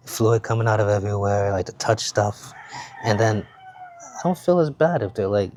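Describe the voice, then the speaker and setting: A man giving a casual show-and-tell of sports jerseys at home, talking in an unhurried, halting way and repeating words. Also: fairly low pitch, lively intonation, a little mellow. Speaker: jersey reviewer. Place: home, with his baby nearby.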